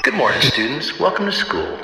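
A man's voice: mid-range voice, big pitch swings, brisk, vocal fry. Man playing a principal over the intercom. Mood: announcing. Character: male school principal making morning announcements. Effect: over the school intercom. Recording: echoey loudspeaker sound over loud music.

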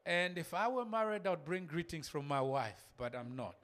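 A man's voice: on the high side, moderate pace, a bit bright. A man from Zambia, a missionary guest speaker, giving a casual church talk with pictures, repeating words and laughing in asides.

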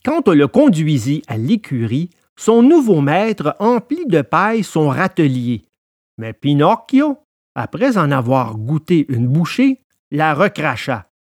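A man narrating a storybook in an expressive, lively way. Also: fairly high pitch, measured pace, dry recording, clean studio sound.

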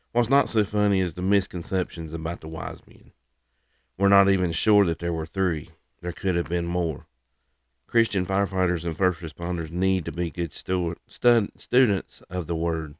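Deep-voiced man hosting a devotional podcast. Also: clear, resonant tone, no echo, clean studio sound. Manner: plain, homespun delivery with fillers and small restarts. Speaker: podcast host and lay preacher to firefighters. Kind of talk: devotional talk and scripture reading.

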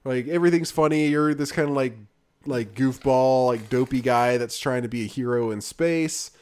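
A man's voice: medium pitch, moderate pace, darkish tone, clear, resonant tone. A man co-hosting a podcast, chatting casually about video games in a loose, rambling way full of fillers that often trails off. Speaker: podcast co-host.

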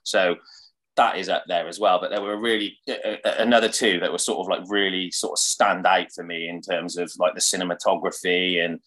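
A man's voice: low voice, fairly even intonation, fairly quick, a bit bright, low-quality recording. A man chatting casually about films he loved, enthusiastic and full of 'sort of' and 'like'. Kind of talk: casual chat.

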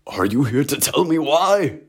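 A man acting Scrooge in a hobby audio drama, pleading and shouting dramatically. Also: fairly high pitch, very animated, measured pace. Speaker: amateur voice actor playing Scrooge.

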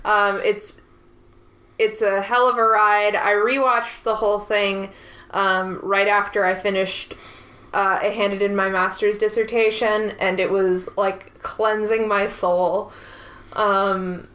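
A woman's voice: little pitch movement, slow pace, a bit bright, echoey room. Wry young woman podcast co-host. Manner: dry, wry, frequent high laughs. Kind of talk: casual chat.

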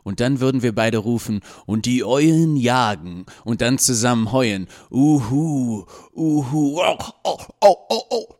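A man voicing a masked male gatekeeper who speaks through a door hatch in a deep, rough voice with slow, cryptic chanting. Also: lively intonation, darkish tone, no room sound, studio quality. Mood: eerie. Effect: voice muffled through a door.

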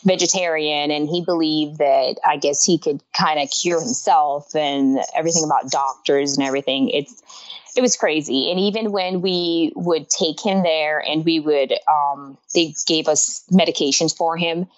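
A woman in her thirties from Honduras talks openly in a casual interview, laughing easily. Her voice sits fairly low. The recording is dull and lo-fi. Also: steady tone, normal speed. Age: 30s. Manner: open, laughs easily, talks frankly about loss. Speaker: guest artist.

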